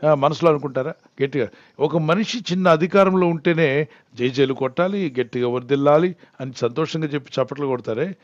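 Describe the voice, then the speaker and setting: A man's voice: fairly high pitch, brisk, no room sound, muffled recording. A man speaking as a pastor in a Bible question-and-answer talk, earnest and often putting questions to the listener before answering them. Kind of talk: Bible Q&A teaching.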